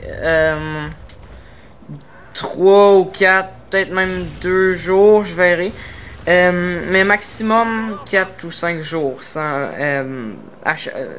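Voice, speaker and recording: This Québécois-accented man from Quebec has a voice that sits high with a fairly bright tone, and there's slight background noise. He's a gaming YouTuber giving a casual, hesitant channel intro over gameplay, filling pauses often while aiming for careful articulation.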